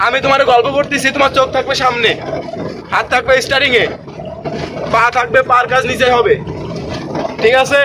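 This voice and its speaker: High-voiced bossy man giving driving orders. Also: fairly even intonation, fairly quick, long pauses, noisy background. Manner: bossy, scolding, repeats instructions. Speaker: driving instructor. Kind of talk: comic driving lesson skit. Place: in a moving car.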